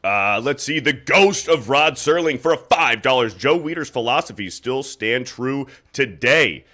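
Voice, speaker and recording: An American man hosts a casual livestream, reading super chats aloud and chatting loosely with a guest, swearing at times. His mid-range voice is pushed and bright, with lively intonation and an unhurried pace.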